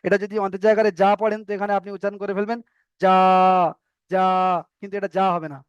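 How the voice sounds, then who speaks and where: Man, Indian Bengali accent, online Quran reading teacher, high smooth voice, patient and repetitive, dry slightly dull recording. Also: flat delivery, a little mellow, no echo. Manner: patient, repeats letters slowly with drawn-out vowels. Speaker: Arabic alphabet teacher.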